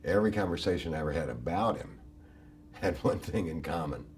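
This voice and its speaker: A man's voice: low-pitched, expressive, brisk, a little mellow. A man reminiscing in an interview.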